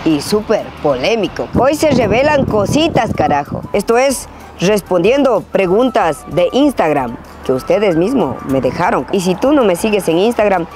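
A man's voice: high voice, big pitch swings, moderate pace, music in the background. A young man hosting a casual question-and-answer vlog outdoors on a rural hillside, talking in a playful, teasing, slangy way to a camera a few feet away. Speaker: vlogger host. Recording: outdoor noise with passing vehicles. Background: outdoor ambience and traffic.

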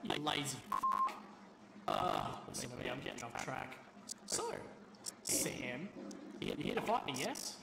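A man's voice: mid-range voice, very animated, unhurried, gravelly, pauses often, heavy background noise. A man voicing a cocky, foul-mouthed animatronic villain in a game, taunting and swaggering. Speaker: game character.

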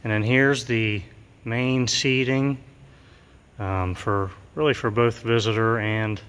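With a low-leaning, clean voice that's a bit bright, a middle-aged mural painter gives a chatty, filler-packed tour of his work. The setting is a large, empty school gymnasium, which leaves a long reverb on the recording.

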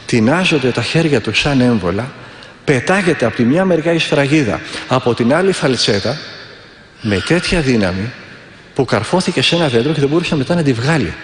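This is a man speaking in a mid-range, animated voice: an Orthodox monk mixing sermon and stories. He tells them earnestly and vividly, returning repeatedly to prayer, while the hall around him echoes.

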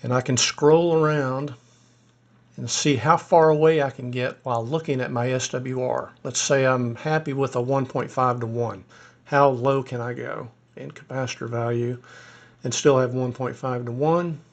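A man giving a casual screen-recorded tutorial as a ham radio hobbyist, explaining step by step in a relaxed way with a few fillers, his voice a little hoarse. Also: medium pitch, normal speed.

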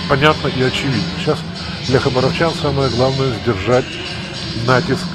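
A male hockey commentator calls the game live at a middle pitch. He moves between exclamations and analytical asides, with music clearly audible behind his voice. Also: normal speed, poor audio. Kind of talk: live play-by-play sports commentary.

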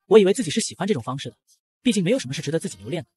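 A man's voice: high-pitched, sing-song, very fast, warm tone. A man reading a caring, teasing young man. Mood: tender.

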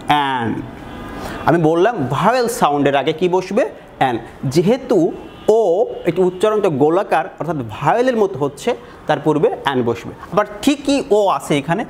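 A man's voice: a little high, a little hiss or hum. Man teaching grammar, answering his own questions. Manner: asks students questions and answers them himself; slows down to read example sentences. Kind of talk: classroom lesson explaining grammar.

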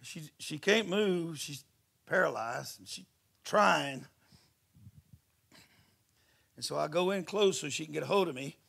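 A male preacher tells a story in a folksy, lively way. His voice is heavily gravelly and husky, and it sits a little high for a man. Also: normal speed. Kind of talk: sermon with storytelling. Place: church service.

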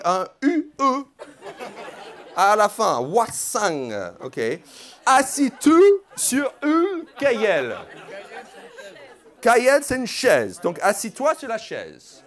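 Male stand-up, high and animated voice, unhurried teasing crowd work, light audience noise. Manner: playful, teasing, mock-outraged at the crowd. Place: comedy club stage. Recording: live club audience audible.

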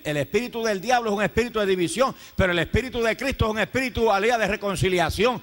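A man's voice: high-pitched, a bit bright. A Puerto Rican man preaching a fervent Pentecostal sermon in church, often calling out to the congregation and breaking into praise. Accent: Puerto Rican Spanish. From Puerto Rico. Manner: fervent, addresses listeners as "hermano", frequent praise interjections. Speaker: pastor. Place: church sanctuary.

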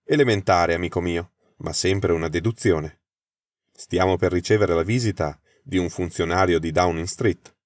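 A sharp, self-assured detective figure, read by a man in a low voice, dealing out crisp, incisive deductions. The audiobook is recorded dry and close, with no room sound around him. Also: normal speed, no room sound, close to an everyday voice.

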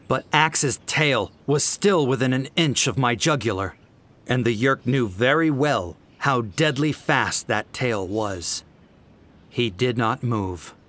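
A man narrating a fan-made audiobook in a measured, deliberate way. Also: mid-range voice, a bit bright.

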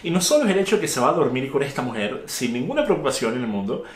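A man's voice: medium pitch, sing-song, quick pace, roomy sound, a little hiss or hum. A man giving an opinionated, indignant review monologue, stressing his points with rhetorical questions. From Venezuela. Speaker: video commentator.

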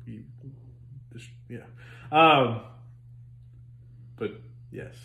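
A man's voice: medium pitch, drawn-out words, gravelly. A man in his thirties chatting casually about a restaurant meal, rambling and joking, recorded at home on a phone camera. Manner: relaxed, rambling, jokey. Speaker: restaurant reviewer. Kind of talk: casual chat. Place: home living room, indoors. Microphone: phone camera on a stand. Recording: roomy echo.

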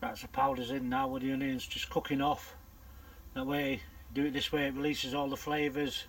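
Older angler, casual bankside vlogger, gravelly, slightly high voice, matter-of-fact chat. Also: male voice, sing-song, moderate pace, low-quality recording. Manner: chatty, matter-of-fact running commentary. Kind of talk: casual vlog narration while cooking. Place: bankside bivvy outdoors at dusk.

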